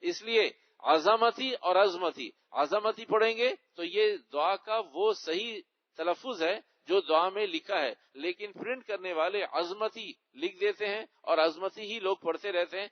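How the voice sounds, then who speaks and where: A man, an Islamic scholar, answering audience questions in a religious Q&A lecture, explaining rulings and repeating key words for emphasis. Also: high voice. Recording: dull lo-fi recording.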